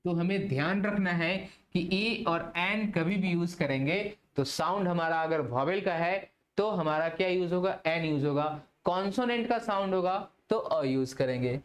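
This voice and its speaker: A man's voice: high voice, moderate pace, hardly any pauses. A man teaching English grammar in a video lesson. He asks questions and answers them himself, mixing Hindi and English. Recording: roomy echo, faint background hiss.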